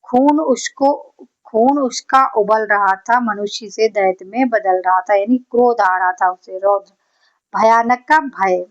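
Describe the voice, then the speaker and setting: A woman teaching an exam-prep grammar lesson, explaining patiently and reciting verse lines slowly. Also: mid-range voice. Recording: slightly dull lo-fi audio.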